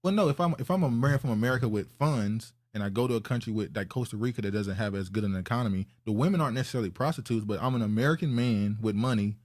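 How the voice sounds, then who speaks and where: A man's voice: medium pitch, quick pace, few pauses, a little mellow. A man co-hosting a podcast in casual chat, explaining and rephrasing his points as he goes. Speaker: podcast co-host.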